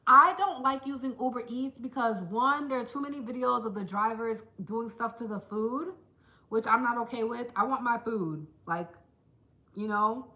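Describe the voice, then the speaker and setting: Woman vlogger, casual chat, animated storyteller, bright voice, echoey room. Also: on the high side, normal speed. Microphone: small handheld camera.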